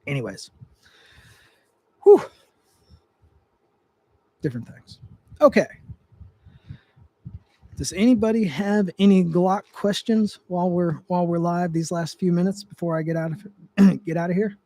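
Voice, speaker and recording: A livestream host who works as a trigger tuner rambles through a casual chat from a chair in his home, full of fillers and frequent restarts. His high voice is warm and unhurried with long pauses and no room sound, though it's getting dry.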